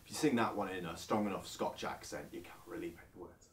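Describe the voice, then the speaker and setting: A man's voice: low voice, fast, close to an everyday voice. An actor playing an earnest, clueless male folk singer who rambles and hesitates through a mockumentary interview. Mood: rambling earnest. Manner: rambling, hesitant, full of filler sounds. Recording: roomy, distant sound.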